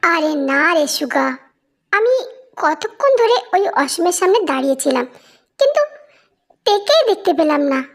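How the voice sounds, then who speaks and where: A performer voicing a brooding young man who speaks slowly and sulkily in a fan audio drama. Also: extremely high pitch, sing-song, a bit bright, full character voice. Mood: sulky. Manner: slow, sulky. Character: brooding young man hunting his bride.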